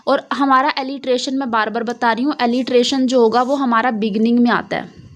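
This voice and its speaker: A woman teaching English poetry in a mix of Hindi and English, her voice sitting a little high. She keeps circling back, repeating points and asking her students questions before answering them herself. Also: steady tone, normal speed. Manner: repetitive, coaxing, asks and answers own questions. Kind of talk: Hindi-English classroom explanation.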